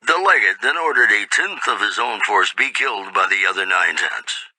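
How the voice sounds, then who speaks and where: A suave, folksy newsman on an old-time radio show in a post-apocalyptic game. His lowish voice is very bright and forward, with a slight husk, close and dry. He delivers each item as a wry, smooth-talking showman speaking intimately to the listener. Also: expressive, normal speed, no room sound, full character voice, rough recording. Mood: wry newscasting. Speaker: radio news presenter. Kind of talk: old-time radio newscast with casino sponsor plugs.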